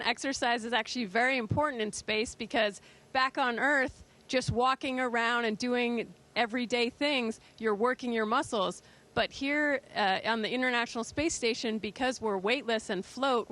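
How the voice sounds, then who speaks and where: A woman with a fairly high voice speaks as an astronaut answering students. She explains things simply and in a friendly way, talking live from a space station. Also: fairly bright tone.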